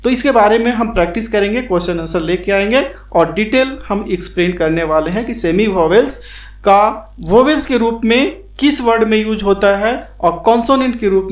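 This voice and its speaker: Slow, echoey grammar teacher, man. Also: high voice. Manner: slow, repetitive, asks and answers his own questions. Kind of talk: explanatory classroom lesson. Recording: echoey room.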